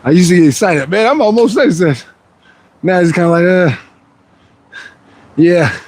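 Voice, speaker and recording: A man in his forties talks in a relaxed, rambling way, answering chat questions between workout sets. His voice sits a little higher than most men's. It is casual livestream chat. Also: unhurried, no echo. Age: 40s. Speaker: fitness livestreamer.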